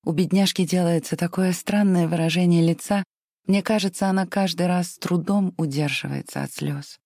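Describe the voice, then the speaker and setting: A reader voicing a gentle, kind young woman who speaks softly and earnestly to comfort. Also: mid-range voice, steady tone, normal speed, dry recording, studio quality, pitched above the performer's own voice, natural voice. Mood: soothing. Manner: soft, soothing, earnest. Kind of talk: audiobook reading.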